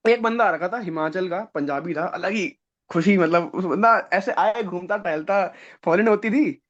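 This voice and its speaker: A young man, a guest on an interview show, telling animated stories and acting out other people's lines. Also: high voice, moderate pace. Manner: lively, acts out other people's lines, laughs often. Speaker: guest, defence-services aspirant. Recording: slightly dull, lo-fi audio.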